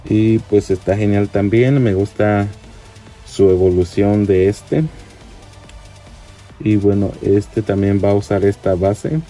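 Low mellow guy unboxing figures, laid back, lots of um's, on the camera mic. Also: takes it slowly, pauses often, soft background music. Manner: relaxed, chatty, many fillers. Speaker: toy unboxing vlogger. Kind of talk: casual unboxing commentary. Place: indoors by a display shelf.

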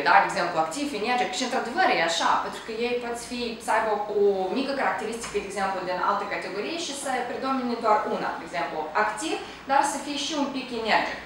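A woman trainer quizzes her group and sums up their answers in a fairly high voice. She sounds distant from the mic, in a strongly echoing room. A faint hiss sits under her voice. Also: fairly bright tone. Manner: prompting, questioning the group. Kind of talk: staff training session.

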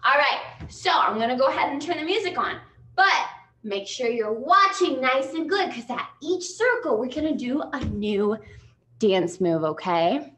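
A woman's voice: high voice, moderate pace. A young adult woman teaching a children's dance class in a broad, singsong, encouraging kids' theatre manner, energetically demonstrating as she talks. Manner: energetic, demonstrating moves while talking. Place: indoor dance studio, distant camera. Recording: echoey studio, distant mic, music behind.

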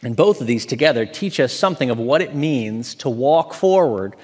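A man in his forties, an associate pastor, reading scripture aloud in a measured way and then preaching a sermon. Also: mid-range voice, animated. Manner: measured, reads aloud slowly from an open Bible. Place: church stage, large indoor hall. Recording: long hall reverb from a church sanctuary.

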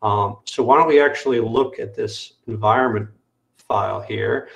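A man with a gravelly, fry-edged voice talks through code on a video call, explaining each step and leaning on "um" as he goes. His desk mic picks up a roomy echo from the small room around him. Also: fairly low pitch, normal speed. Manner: explanatory, frequent "um" fillers. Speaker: developer demoing software. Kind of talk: technical screen-share walkthrough.

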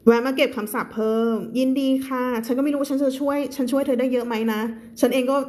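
A woman teaching English on a live stream with a Thai accent. She reads English lines slowly and explains them quickly, laughing often. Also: sits high, fairly even intonation, darkish tone. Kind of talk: live-streamed reading lesson.

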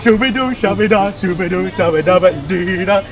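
A young man switching between impression voices of sweet, excitable cartoon characters in playful in-character chat. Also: high-pitched, moderate pace. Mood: eager, sing-song. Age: young adult. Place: outdoors at a busy theme park. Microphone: camera a few steps away. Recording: outdoor theme park crowd noise.

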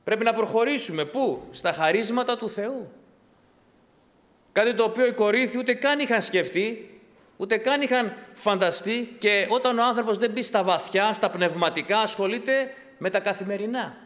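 A man with a notably high voice preaches with fervour, posing questions to his congregation and answering them. His words ring out with a long reverb from the church hall around him. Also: a bit bright. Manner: impassioned preaching with rhetorical questions. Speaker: pastor. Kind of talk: sermon.

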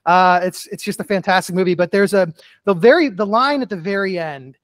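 A man's voice: sits high, fairly quick, no room sound. A middle-aged man, a guest author and keynote speaker, telling earnest stories in a casual podcast interview, often saying "you know". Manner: earnest storytelling with many "you know" fillers.

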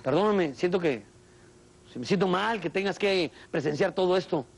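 Man doing a furious Mexican dad yelling at dinner. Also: sits high, expressive, moderate pace, creaky, voice pushed down, heavily acted. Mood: fake-polite. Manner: shouting, bossy, sarcastic. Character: loud furious middle-aged father ranting at dinner.

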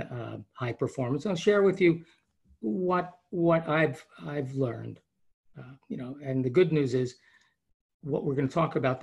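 Speaking in a gravelly, slightly rough voice, a male high-performance coach runs a webinar on a video call. His delivery is enthusiastic and rambling, full of restarts.

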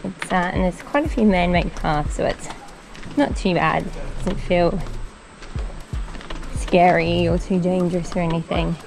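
A woman's voice: lowish voice, a little slow, creaky, music in the background. Upbeat woman vlogging on a hike. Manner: chatty, upbeat, self-deprecating. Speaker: family travel vlogger. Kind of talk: casual on-camera chat. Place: outdoors on a boat and a rocky canyon hike.

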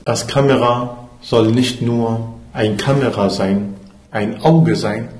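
A man playing an undercover agent posing as a museum worker, speaking halting German with an Arabic accent and a blunt, swearing manner. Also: mid-range voice, a little mellow, reverberant, natural voice. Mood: deadpan.

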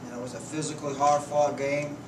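Plainspoken coach in an echoey room. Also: male voice, fairly high pitch, level tone. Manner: plainspoken, halting, restarts often. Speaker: head basketball coach. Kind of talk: postgame press conference answers. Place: press conference room, indoors. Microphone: table mics, heard from a distance. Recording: echoey room, distant mic, noisy.

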